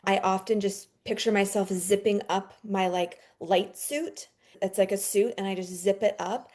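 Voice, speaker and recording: A woman's voice: mid-range voice, steady tone, moderate pace, darkish tone. Woman sharing openly and reflectively. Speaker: panel participant. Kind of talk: heartfelt personal sharing.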